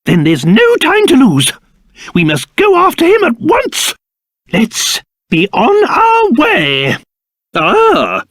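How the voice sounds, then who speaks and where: Pompous, wildly animated British old king. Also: very high voice, no echo, clean studio sound, full character voice. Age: older. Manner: pompous, indignant, theatrical, old-fashioned formal speech. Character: pompous, excitable old cursed king in creature form. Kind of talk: video game character voice acting.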